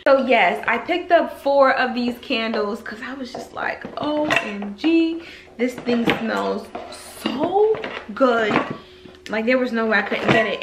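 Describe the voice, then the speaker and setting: A woman's voice: fairly high pitch, heavy background noise. A young woman in her twenties, showing off and gushing over candles in a casual home haul video. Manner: gushing, enthusiastic. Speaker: beauty vlogger. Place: living room at home.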